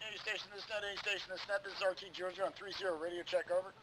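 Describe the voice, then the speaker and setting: A man's voice: sits high, steady tone, heavy background noise. A man calling in as a team radio operator, heard over in-game helmet radio, using clipped military radio procedure. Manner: clipped, rushed radio calls. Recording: radio voice over loud gunfire.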